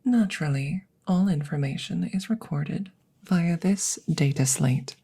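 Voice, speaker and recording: In an ASMR audio roleplay, a woman plays a female alien who speaks very slowly in a low, soft, often whispered voice that is mellow and breathy with some gravel. Heavily acted, she comes across as a formal, clinical, curious examiner, choosing every word with care in precise, measured phrasing. The mood is clinical and hushed.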